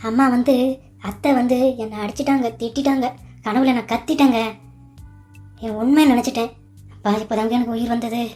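ஒரு பெண் கார்ட்டூனில் கெஞ்சும் இளம் மருமகள் கலாவாகக் குரல் கொடுக்கிறார். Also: female voice, on the high side, fairly even intonation, brisk, pauses often, warm tone, soft background music, lightly acted. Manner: pleading, whiny, defensive. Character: young pleading daughter-in-law Kala. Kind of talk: cartoon voice acting.

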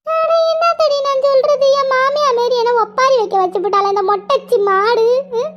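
Brief: woman playing a cartoon wife, lamenting in a sing-song wail, shrill and high, dull lo-fi sound. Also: brisk. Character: nagged married village woman wailing about in-laws. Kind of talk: cartoon voice acting. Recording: muffled lo-fi recording.

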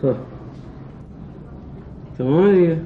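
A man's voice: a little high, narrow, tinny audio, a little hiss or hum. A young man acting a stubborn student roommate in a TV comedy drama, grumbling and muttering to himself. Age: young adult.

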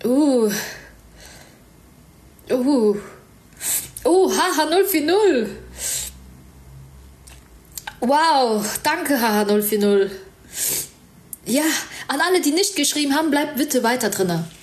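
A woman's voice: high voice, lively intonation, slow pace, pauses often. A young woman chatting casually on a livestream with a stuffy nose, thanking viewers and giving them advice. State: stuffy nose, sore throat.

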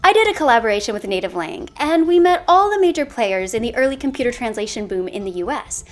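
A woman's voice: a little high, very animated, fast, soft background music. A woman hosting an educational video series, narrating a scripted explainer with playful, punchy, self-mocking asides.

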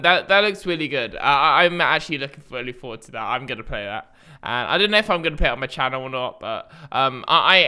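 A young adult man hosts a video reacting to a game trailer, offering casual commentary that is hesitant, rambling and repetitive. His voice is on the high side, bright, forceful, clear and resonant. He records in a small panelled room at home on a desk microphone mounted on a boom arm.

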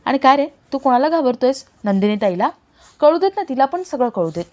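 A woman's voice: sits high, big pitch swings, brisk, voice pushed up. A woman reading a heartbroken, defiant young woman's lines in a serial recap, emotional and insistent. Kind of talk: dramatic read-aloud of serial dialogue.

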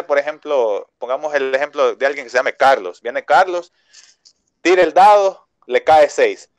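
A man's voice: medium pitch, dry recording. A man with a Salvadoran Spanish accent, an English school owner, patiently explaining his teaching method in an interview, with many fillers and restarts.

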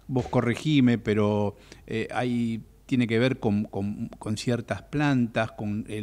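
Measured Rioplatense radio host. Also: male voice, mid-range voice. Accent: Rioplatense Spanish. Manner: measured, hesitant, with filler "eh". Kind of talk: radio interview.

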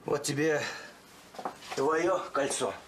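An actor playing an evasive, smooth-talking male swindler posing as a friend in a sitcom. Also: on the high side, slow pace. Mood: smug, evasive. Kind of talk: sitcom acting. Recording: very noisy TV soundtrack.

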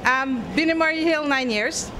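A middle-aged woman from Guyana chats into a handheld mic at an indoor film event. Her voice sits a little high and she rambles warmly through restarts. A faint murmur of the event hangs behind her. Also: moderate pace, background noise. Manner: chatty and effusive, rambling with restarts. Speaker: interviewee, festival volunteer. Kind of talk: red-carpet interview. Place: indoor event in front of a step-and-repeat banner.

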